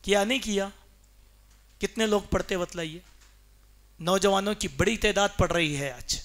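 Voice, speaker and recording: A man's voice: sits high, fairly bright tone. A man giving a Friday sermon in a mosque, speaking emphatically and quizzing the congregation with rhetorical questions. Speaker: preacher.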